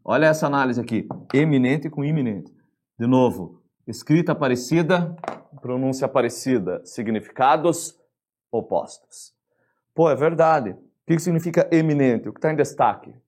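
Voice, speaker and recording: A Brazilian man teaching a grammar lesson in a lively, chatty way, often asking the class questions. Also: medium pitch, moderate pace. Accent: Brazilian Portuguese.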